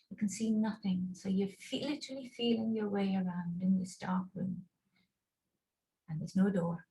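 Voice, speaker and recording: Through poor audio, a woman with a dark, mid-range voice leads a guided relaxation and visualization over a video call. Her instructions come slow, soothing, and full of pauses.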